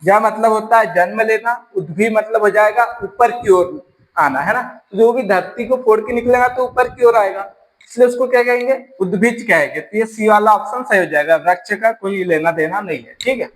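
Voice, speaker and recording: High-voiced Rajasthani man teaching grammar. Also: moderate pace, a bit bright, rough recording. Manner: explains step by step, asks and answers his own questions. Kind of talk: exam-prep grammar lesson.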